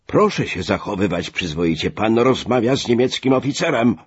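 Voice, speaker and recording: A man's voice: lowish voice, animated, moderate pace, husky, dry recording, voice pushed up. Man doing a cold, curt german major. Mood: haughty. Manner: dry, curt, haughty. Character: cold, arrogant male German army major. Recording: muffled lo-fi recording.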